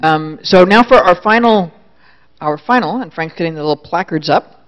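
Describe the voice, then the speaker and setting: Man, higher voice, event emcee, informal halting intros, dull lo-fi sound. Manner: informal, halting, restarts phrases. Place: conference room with audience.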